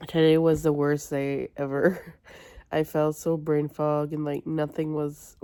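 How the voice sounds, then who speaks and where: Female vlogger, low gravelly fry, congested and run-down, casual chat, close dry sound. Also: little pitch movement, measured pace, warm tone, no echo. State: sick with a cold and stuffy nose. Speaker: book vlogger. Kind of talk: casual chatty vlog to camera.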